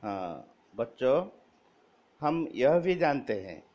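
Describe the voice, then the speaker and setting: Very slow-speaking man teaching a lesson. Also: medium pitch, big pitch swings. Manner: slow, deliberate, spells out each vowel sign; reads word lists aloud one word at a time. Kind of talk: Hindi grammar lesson for children. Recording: dull lo-fi recording.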